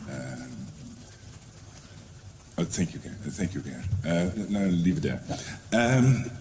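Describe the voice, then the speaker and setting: Slightly noisy audio captures a library department head, a middle-aged Dutch-accented man, presenting in a conference room. He speaks slowly in a low, darkish voice with big pitch swings, stumbling through fillers and restarts.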